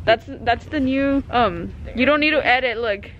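A woman's voice: fairly high pitch, moderate pace, lo-fi sound, slight background noise. A woman, talking through a face mask as she vlogs inside a large store, chatting to her viewers. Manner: chatty, addresses viewers as guys. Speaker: vlogger. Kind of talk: casual vlog chatter to viewers. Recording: music playing over the voice. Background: music.

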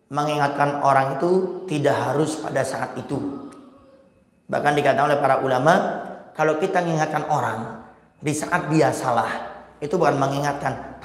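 A male preacher from West Java, giving a lively, jokey sermon and acting out little exchanges. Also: medium pitch. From West Java, Indonesia. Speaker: preacher leading a religious study circle. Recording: roomy hall with long reverb.

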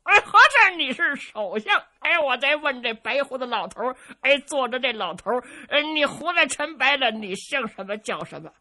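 A woman's voice: high-pitched, very animated, moderate pace, hardly any pauses, pushed and bright, exaggerated voice. A woman voicing a naive, simple-minded young giant of a man, with a childlike, blunt, cheeky way of asking questions.

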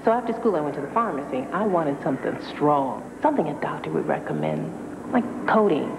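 Low, creaky-voiced schoolteacher. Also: female voice, very animated, brisk. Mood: candid, relieved. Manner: conversational storytelling. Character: schoolteacher woman recovering from a nagging cough. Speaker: commercial actor. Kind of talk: first-person testimonial in a TV advertisement. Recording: roomy sound with clear background noise.

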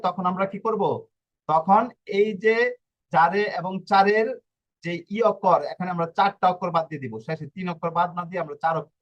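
High-voiced man teaching a language lesson. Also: highs cut off. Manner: repetitive, explaining step by step with rhetorical questions.

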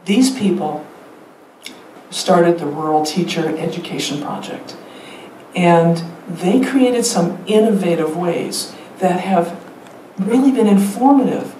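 A woman speaks from a theater stage, lively and emphatic. She asks the crowd rhetorical questions and slips in light laughter. Her voice sounds far from the mic and rings around a large roomy hall, with a faint hum underneath. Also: on the low side, slow. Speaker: teacher educator giving a public talk. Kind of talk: staged public talk with slides.

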